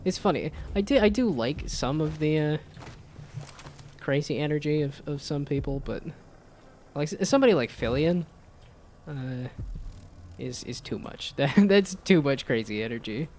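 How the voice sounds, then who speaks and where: This man sounds young and a bit nasal, his voice on the high side, animated and a little mellow at a moderate pace. He rambles casually with restarts, relaxed as he streams a game, and there's slight background noise.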